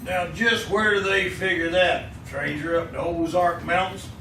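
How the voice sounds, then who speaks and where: An actor playing a crusty, sardonic frontier doctor with an American accent in an old-time radio western. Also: male voice, high-pitched, fairly even intonation, a little slow, gravelly, bright, forceful tone, heavily acted. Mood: curious, dry. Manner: sardonic, needling. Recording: echoey, distant, noisy old radio recording.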